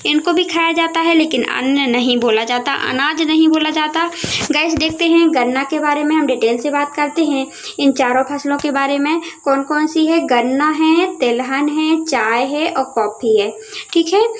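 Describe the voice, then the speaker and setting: Woman teacher, high voice, talks viewers through a map, answers her own questions. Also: normal speed, slight background noise. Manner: asks questions and answers them herself; keeps addressing viewers as guys. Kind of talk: explaining a lesson over a map.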